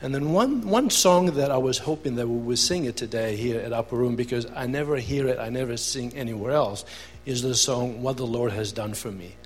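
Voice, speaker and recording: A man's voice: mid-range voice, big-room sound, a little hiss or hum. Albanian-accented man giving a church testimony. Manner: earnest, halting with fillers. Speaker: guest speaker.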